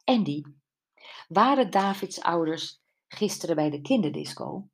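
A determined woman detective in an audiobook mystery, as a woman narrator voices her. Her voice is low and husky, and she speaks slowly. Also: lively intonation. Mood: probing.

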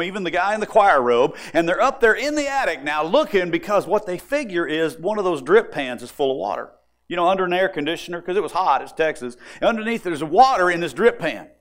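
A man with a high, slightly bright voice preaches a sermon. He shifts between folksy, conversational stories and Bible teaching, using dramatic pauses along the way.

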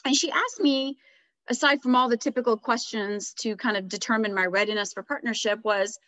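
A middle-aged woman with a slightly high voice talks a little fast as a guest author on a podcast, recounting her story reflectively and casually. She becomes animated as she retells dialogue. There's no echo; the audio is dry and slightly dull.

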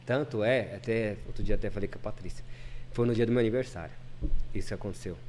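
A man's voice: fairly low pitch, quick pace, a little mellow, a little hiss or hum. A man who is a lay preacher, a guest on a podcast, telling a personal story in casual, earnest talk full of restarts and repeated words.

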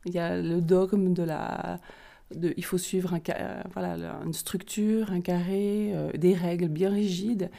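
A woman's voice: fairly low pitch, fairly even intonation, unhurried, gravelly, dark tone. A woman from Switzerland with a Vaud accent, a holistic therapist interviewed on a podcast, speaking hesitantly and searching for her words. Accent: Vaud Swiss French.

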